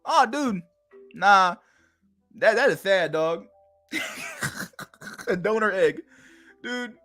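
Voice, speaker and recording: A man's voice: high-pitched, wildly swooping pitch, very slow, pushed and bright, no room sound, faint music behind. A man in his thirties reading an article aloud on a stream, then breaking off into crude, mocking rants with frequent laughter. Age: 30s. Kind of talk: casual livestream commentary.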